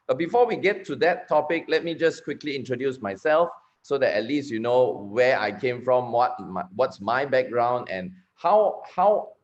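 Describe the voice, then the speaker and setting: A Malaysian man in his forties speaks at a medium pitch, giving a chatty conference talk and often circling back over his words. The recording sounds a little dull and lo-fi. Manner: chatty, repeats and restarts words. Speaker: network marketing speaker.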